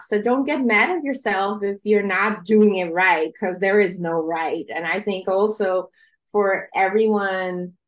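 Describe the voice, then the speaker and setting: Woman, Dutch accent, interview guest, singer and songwriter, upbeat, encouraging, mid-pitched. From Netherlands. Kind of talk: casual interview chat.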